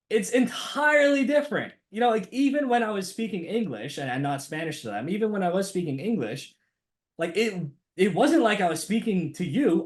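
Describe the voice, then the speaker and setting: A man with a New Jersey accent, a podcast guest talking in a lively, casual way with many restarts. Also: sits high. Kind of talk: casual conversation.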